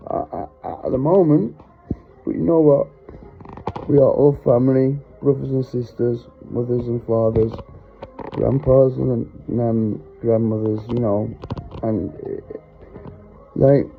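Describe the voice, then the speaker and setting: A middle-aged man who vlogs about religion preaches into his phone in a sincere, wandering monologue, frequently stopping to say sorry. He has a gravelly, mid-range voice, captured with a tinny phone-line quality.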